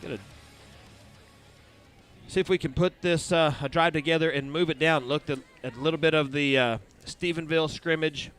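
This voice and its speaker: A man announcing a high school football game play-by-play, calling each snap briskly and working in sponsor reads, recorded at an outdoor stadium. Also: fairly even intonation, fairly bright tone, smooth, faint music behind.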